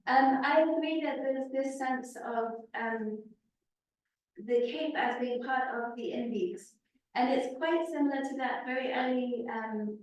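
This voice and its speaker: A woman on a conference panel answering a question in a measured academic way, with frequent ums. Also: fairly high pitch, a little mellow. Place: conference room. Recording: echoey room, far from the mic.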